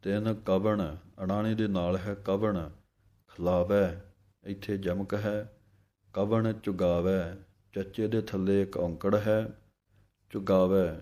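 A man teaching correct pronunciation of scripture, chanting verses slowly and then explaining each word more quickly. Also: fairly low pitch, warm tone. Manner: alternates slow chanted recitation with quicker spoken explanation. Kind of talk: recitation lesson.

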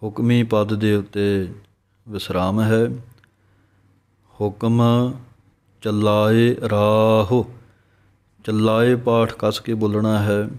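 A man gives a pronunciation lesson in scripture chanting. He chants each verse slowly, then explains it more quickly. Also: fairly low pitch, flat delivery, a little mellow, smooth. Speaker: scripture recitation teacher.

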